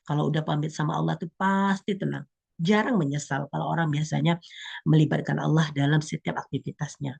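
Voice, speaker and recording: A woman with a low, gravelly, husky voice gives a religious talk to women. She talks in an animated way and often acts out short prayers and everyday complaints. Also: brisk. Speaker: religious speaker.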